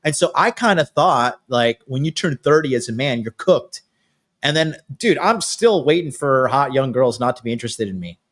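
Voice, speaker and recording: Here a late-thirties man hosting a laid-back podcast sounds animated and a bit bright, his pitch medium and his speed normal. His talk is boastful, brash, and crude.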